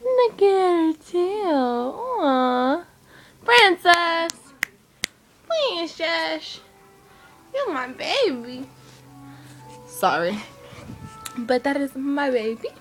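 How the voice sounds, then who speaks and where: A woman's voice: high-pitched, sing-song, drawn-out words, pauses often, soft background music. A woman making a casual home video, coaxing her pet along in baby talk and swearing now and then. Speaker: pet owner.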